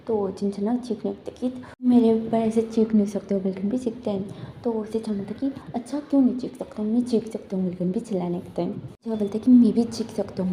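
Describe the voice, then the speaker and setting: A woman's voice: mid-range voice, dark tone, slight background noise. A woman retelling a fan fiction story in a casual, rambling way, looping back on the same stock phrases.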